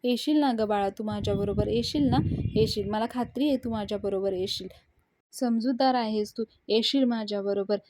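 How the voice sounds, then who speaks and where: A stern, controlling middle-aged father, read aloud by a woman as she retells a soap scene. The voice is raised and forceful when he scolds and turns gentle when he coaxes. The tone stays mellow and the room sounds dry. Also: mid-range voice, normal speed, no echo, lightly acted. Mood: coaxing. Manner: scolding loudly, then coaxing softly.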